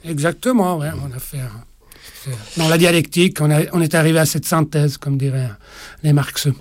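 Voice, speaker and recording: A man in his forties, born in Italy, talking about the book he co-wrote in an interview, pausing often with fillers and restarts. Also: a little high, dry recording. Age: 40s. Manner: hesitant, many fillers and restarts. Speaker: author. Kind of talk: interview conversation.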